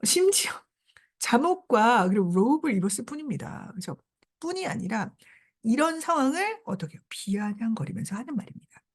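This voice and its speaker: A woman's voice: fairly high pitch, moderate pace. A woman teaching English, reading a novel aloud and explaining it in Korean. She keeps the class along with small prompts as she goes. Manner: lively, repeats prompts such as "자" and "그죠?".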